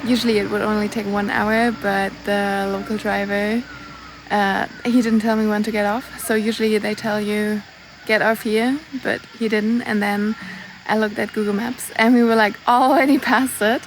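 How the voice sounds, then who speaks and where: A young woman talking casually to her camera while hiking a mountain trail outdoors, chatty and quick to laugh. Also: medium pitch, level tone, poor audio. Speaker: travel vlogger. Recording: outdoor noise behind voice.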